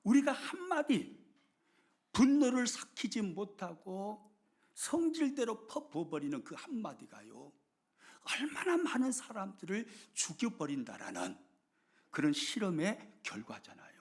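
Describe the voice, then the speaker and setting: A middle-aged male pastor, preaching a sermon with dramatic swings between loud emphasis and hushed whispers. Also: high voice, wildly swooping pitch, unhurried, husky.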